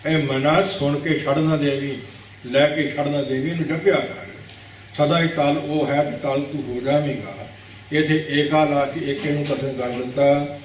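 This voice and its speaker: A man's voice: fairly high pitch, steady tone, measured pace, slight background noise. Man delivering a katha sermon in a big prayer hall; instructive, corrective delivery; recorded from a distance with strong room echo. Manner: didactic, repeats words to correct pronunciation; rhetorical questions to the audience. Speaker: Sikh preacher giving katha. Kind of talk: religious discourse explaining scripture. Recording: very echoey hall, mic at a distance.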